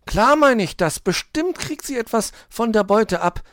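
A man voicing an eager little male hedgehog who plays detective in a storybook, insistent and excited. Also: high-pitched, measured pace, dry recording, clean studio sound, voice pushed up. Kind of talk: storybook read-aloud.

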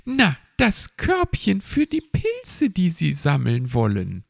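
A man voicing a nosy, chatty female magpie in a storybook, with a shrill, chirpy, prying manner. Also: huge pitch swings, slow pace, creaky, dry recording, clean studio sound, exaggerated voice. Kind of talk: storybook reading.

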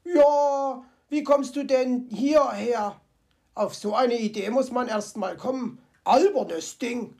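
A woman doing a chatty, fussy fox gentleman. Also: a little high, takes it slowly, voice pushed up. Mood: delighted. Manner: chatty, talks to himself, comic grumbling. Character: cheerful fussy male fox, Herr Fuchs. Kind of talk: storybook character voice.

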